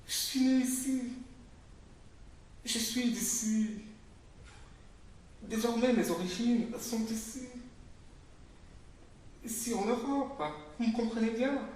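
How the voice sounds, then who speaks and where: A man's voice: takes it slowly, pauses often, darkish tone. A man reading aloud as a defiant, bitter young woman narrator, with insistent rhetorical repetition. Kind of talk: literary reading. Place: public reading in a literary venue. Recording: very echoey room, voice from far off, faint rumble.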